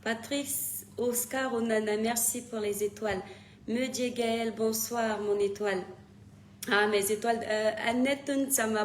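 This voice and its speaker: Female live-stream host, scolding and laughing often; higher voice, a faint hum behind it. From Cameroon. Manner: animated, scolding, laughs often, calls viewers "mes étoiles". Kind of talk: casual live stream chat, greeting viewers. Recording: echoey room with faint background noise.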